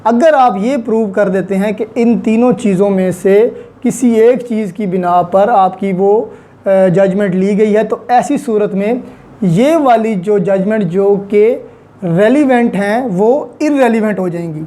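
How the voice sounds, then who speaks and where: A woman with a Pakistani accent gives an explanatory law lecture reviewing legal articles, working through them methodically in short phrases and repeating key points. Her mid-range voice is warm and measured in pace.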